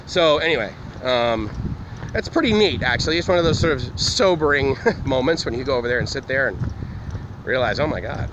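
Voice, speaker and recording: A man vlogs on foot through a university campus, speaking a little fast in an animated, medium-pitched voice. His talk to the camera is casual and digressive, full of self-corrections, and the recording picks up plenty of wind and outdoor noise.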